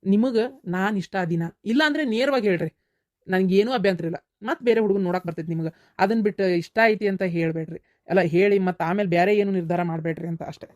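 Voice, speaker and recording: A woman's voice: fairly low pitch, quick pace, a little mellow, no echo, clean studio sound, close to an everyday voice. A woman doing a frank young groom. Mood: earnest. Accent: North Karnataka Kannada. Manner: frank, matter-of-fact. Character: earnest young male groom, straightforward.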